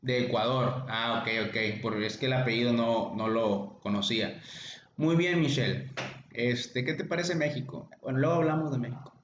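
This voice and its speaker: This medical lecturer speaks at normal speed in a medium-pitched voice, with his Mexican Spanish accent and a little hiss or hum on the audio. He runs a chatty, joking online class and calls students by name. The sound is an echoey, dull lo-fi room recording.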